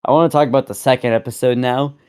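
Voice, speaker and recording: A man's voice: mid-range voice, steady tone, quick pace, a little mellow, clear, resonant tone. A young man co-hosting a casual review podcast, rambling and correcting himself as he talks, with frequent chuckles. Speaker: podcast co-host.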